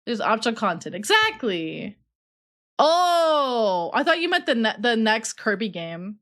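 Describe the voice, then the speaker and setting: A woman's voice: a little high, big pitch swings, unhurried, a bit bright. A woman livestreaming games, chatting casually with chat in a playful gamer-girl way full of slang. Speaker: streamer and host.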